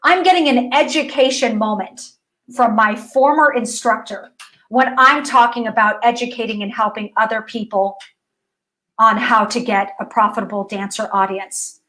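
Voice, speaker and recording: A woman dance physical therapist teaching an online course lesson in a casual, animated way, talking straight to viewers and often restarting her sentences. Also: on the high side, moderate pace, low-quality recording. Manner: reads messages aloud.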